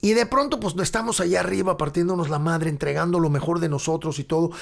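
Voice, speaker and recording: A man's voice: a little high, quick pace, gravelly. A middle-aged man with a Mexican accent, hosting a podcast and telling long, rambling anecdotes full of slang. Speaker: podcast host and rock musician. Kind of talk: casual storytelling monologue.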